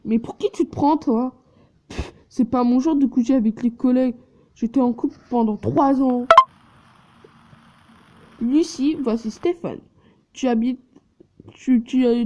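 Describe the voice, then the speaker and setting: A woman reading the dialogue of a dating game aloud, slowly and haltingly, correcting herself as she goes and adding her own asides. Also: sits high, a little mellow, slight background noise.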